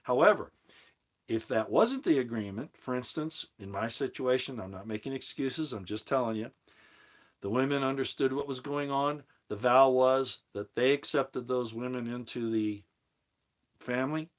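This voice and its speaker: Man on a livestream, rambling, reads chat comments aloud, restarts sentences, mid-pitched. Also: moderate pace. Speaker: livestream host answering chat. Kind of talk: casual livestream talk on scripture.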